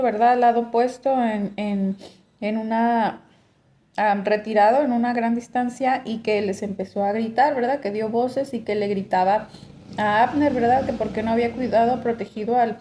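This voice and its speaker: A woman leading a beginners' Bible study, explaining passages slowly and checking in with her listeners, often clearing her throat between thoughts. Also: a little high, mellow. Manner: keeps asking "¿verdad?" as a check-in, with many filler pauses.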